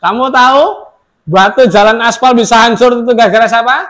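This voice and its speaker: A middle-aged male teacher giving a classroom lecture. He swings between loud outbursts and soft asides and acts out quoted remarks in sharp voices. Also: very high voice, a little fast.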